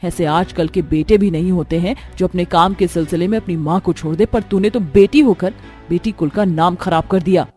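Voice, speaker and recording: A woman's voice: lowish voice, moderate pace, warm tone, soft background music, close to an everyday voice. A woman voicing a poor, hardworking young daughter in a cartoon story who cares for her mother. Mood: indignant. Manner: caring but firm, scolding when angered.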